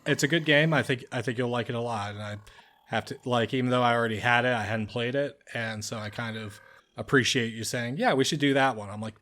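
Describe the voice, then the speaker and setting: A man's voice: medium pitch, steady tone, fairly quick, sharp tone, faint music behind. Rambling man on a casual podcast. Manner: rambling, heavy use of "like" and filler words. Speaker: podcast co-host. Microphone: podcast microphone.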